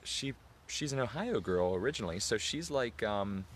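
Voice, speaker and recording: A man co-hosting a vlog, chatting excitedly and rambling in a casual recap. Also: on the low side, moderate pace, a crowd in the background. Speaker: vlog co-host. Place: outdoor campground.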